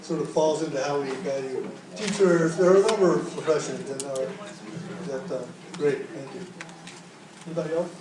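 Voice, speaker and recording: A man with a slightly high voice, speaking at normal speed amid crowd noise, presents at a workshop and leads an open group discussion, often restarting his sentences. He's picked up by a distant room mic in an echoey conference room, with faint noise.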